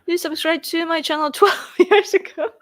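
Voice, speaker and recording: Speaking at a moderate pace with fairly even intonation, her voice is very high-pitched. She's a woman in her thirties with a Japanese accent, rambling through a casual livestream as she reads viewer comments, laughs frequently and thanks viewers. The sound is clean studio quality with no room sound.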